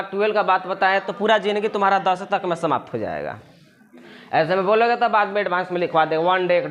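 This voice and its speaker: A man's voice: high-pitched, a bit bright. A man. He keeps asking the class questions, answers them himself, and repeats the key terms. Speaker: science tutor. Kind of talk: classroom chemistry lesson.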